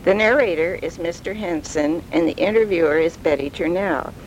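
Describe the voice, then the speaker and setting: A woman interviewer speaking in a measured, formal way as she introduces an oral history in a law office, heard on an old 1980s tape recording. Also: fairly low pitch, highs cut off, slight background noise.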